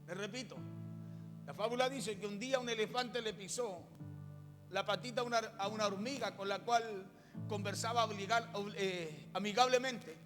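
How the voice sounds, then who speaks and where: A man's voice: high voice, moderate pace. A male pastor telling a fable in his sermon, often speaking straight to his listeners. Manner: storytelling, addressing the congregation directly. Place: church. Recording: echoey hall with music.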